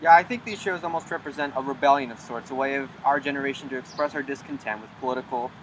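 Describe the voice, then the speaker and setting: A man's voice: mid-range voice, fast, a bit bright, slight background noise, poor audio. A young man giving considered commentary as an interviewee. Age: young adult.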